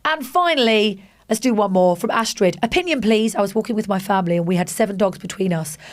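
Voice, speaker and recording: A woman co-hosting a relaxed podcast, chatty and animated. She reads listener messages aloud and acts out the voices she quotes. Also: mid-range voice, quick pace. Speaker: podcast co-host. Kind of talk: casual chat, reading listener messages.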